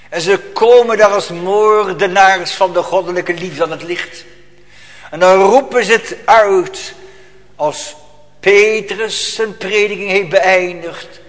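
High-voiced preacher in an echoing church. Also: male voice, takes it slowly, a bit bright. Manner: solemn, emphatic pulpit preaching. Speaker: pastor. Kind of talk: sermon. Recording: long church hall reverb.

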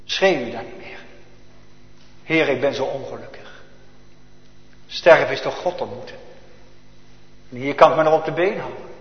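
A man's voice: mid-range voice, normal speed, long pauses. Male pastor preaching in an echoey church. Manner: urgent, swings between loud preaching and hushed near-whispers. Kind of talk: sermon. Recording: echoey church hall, dull lo-fi sound.

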